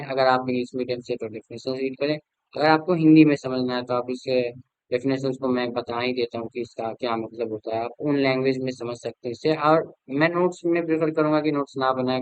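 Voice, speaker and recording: A man's voice: mid-range voice, clean tone, no echo, low-quality recording. A young man teaching an online cybersecurity lecture, explaining informally with frequent fillers and restarts. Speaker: cybersecurity instructor.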